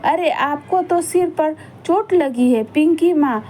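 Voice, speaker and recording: A woman voicing a sad little village girl who pleads and complains softly. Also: high voice, slow pace, slight background noise. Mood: plaintive. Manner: pleading, plaintive.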